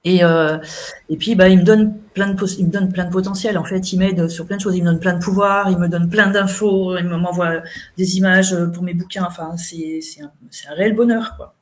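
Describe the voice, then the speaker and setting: A woman's voice: lowish voice, fairly even intonation, brisk. A middle-aged woman, an interview guest, chatting casually as she recounts events and quotes what people said.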